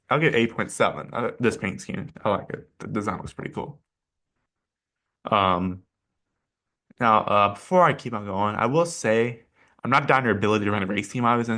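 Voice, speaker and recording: A man's voice: on the low side, fairly bright tone. Rambling man giving casual reactions. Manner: rambling, hesitant, many fillers and restarts. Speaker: channel host rating paint schemes.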